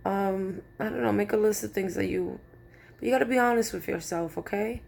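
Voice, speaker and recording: A woman's voice: mid-range voice, steady tone, brisk, vocal fry, darkish tone. A woman talking to camera in a casual vlog, giving earnest, preachy advice with lots of fillers and repeated points. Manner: many fillers like um and you know. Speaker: vlogger.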